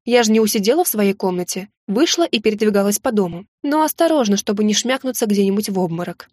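A woman reading a first-person audiobook in an even, lightly ironic storytelling manner. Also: mid-range voice, fast talker, no room sound, clean studio sound. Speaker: audiobook narrator.

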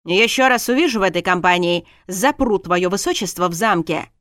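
A woman reading a fantasy audiobook voices a sly, commanding young man, a snake shapeshifter who growls and mocks his wife in slow, drawn-out lines. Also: fairly low pitch, a bit bright, no room sound, clean studio sound, close to an everyday voice. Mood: threatening. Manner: mocking, growling, drawn-out delivery. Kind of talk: audiobook character voice.

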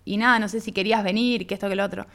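A woman's voice: mid-range voice, rapid-fire. A woman from Argentina with an Argentine accent, a guest on a radio interview, telling a travel anecdote in a casual way and acting out both sides of a conversation. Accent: Argentine Spanish. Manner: lively anecdotal, reenacts dialogue with "me dice".

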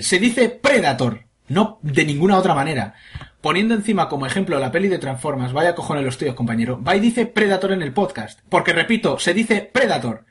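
Crude, jokey man. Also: on the high side. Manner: crude, jokey, reads comments aloud. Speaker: podcast host reading listener comments. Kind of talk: casual podcast banter.

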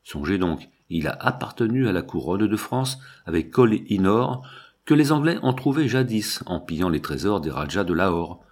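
Husky male audiobook narrator. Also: sits low. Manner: measured, expressive storytelling, slow at chapter headings. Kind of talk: scripted narration of a novel.

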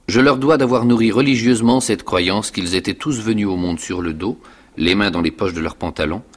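A man giving a measured, expressive reading of a classic novel in the first person. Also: sits low. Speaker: reader. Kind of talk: dramatic literary reading.

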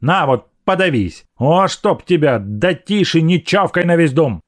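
A man reading an audiobook, voicing an angry middle-aged female housekeeper who scolds loudly. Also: animated, a little slow. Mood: grumbling. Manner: sharp scolding, loud and high.

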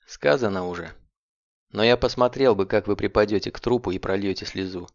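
A man with a gravelly voice voicing a vicious, frantic male captive in an audiobook, jeering and breathless, in a dull lo-fi recording. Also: on the low side, fairly quick, lightly acted. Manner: jeering, breathless, rising to shrieks.

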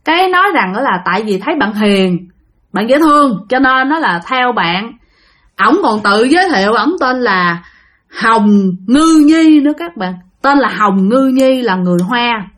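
A woman narrates ghost stories in a casual, chatty way. She speaks directly to her listeners as she goes. Her voice sits on the higher side. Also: lively intonation, normal speed, fairly bright tone. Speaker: storyteller.

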